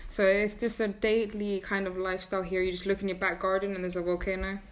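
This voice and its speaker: A young adult woman hosting a casual chat, talkative and animated, with frequent "like"s. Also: medium pitch, fast. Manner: chatty, animated, many "like"s. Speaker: podcast host.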